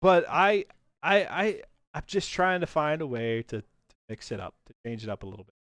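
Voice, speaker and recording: A man's voice: fairly high pitch, sing-song, moderate pace, fairly bright tone, no room sound. A man hosting a racing stream, chatting casually and joking, often restarting his sentences and laughing. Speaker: stream host.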